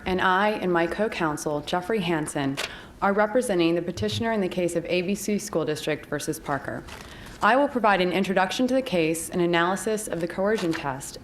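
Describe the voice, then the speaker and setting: A young woman with a fairly low voice delivers a formal legal argument. There is faint noise and room ambience behind her. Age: young adult. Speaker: moot court advocate. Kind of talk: formal prepared oral argument.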